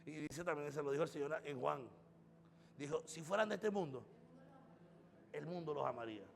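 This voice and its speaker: A man's voice: fairly high pitch, normal speed, vocal fry, long reverb tail, faint music behind. A man preaching a sermon as pastor, building up through emphatic repeated phrases. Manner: preaching with rising, emphatic repetition.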